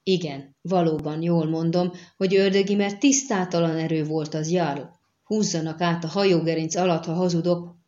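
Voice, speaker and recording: A woman's voice: on the low side, steady tone, mellow, lo-fi sound, lightly acted. A woman reading the part of a blunt, superstitious male sailor in an audiobook. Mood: reporting.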